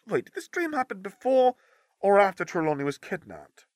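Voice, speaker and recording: A man putting on a clever teenage witch, high and breathy, clipped with exasperation. She speaks softly and sharply, and the recording is dry and close. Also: big pitch swings, moderate pace, no echo. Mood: probing.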